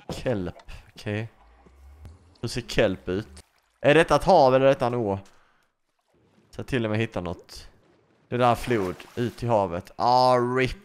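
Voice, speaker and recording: A man giving excitable let's play commentary, asking question after question and swearing freely. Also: medium pitch, smooth. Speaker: gaming YouTuber.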